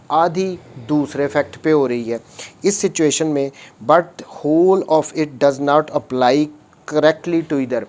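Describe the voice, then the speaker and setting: A man with a Pakistani accent gives an explanatory law lecture, switching between Urdu and English as he reads statutes aloud and methodically repeats points. His voice is a little high and a little mellow.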